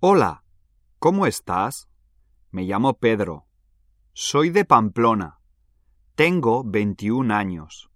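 An actor playing Pedro, a cheerful, friendly young man of twenty-one, in a scripted exam dialogue, speaking clearly and carefully. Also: lowish voice, sing-song, no room sound. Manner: clear, careful delivery, numbers read slowly. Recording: dry studio recording.

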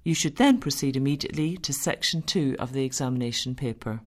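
Low-voiced woman reading exam instructions. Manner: measured, formal reading. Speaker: exam announcer.

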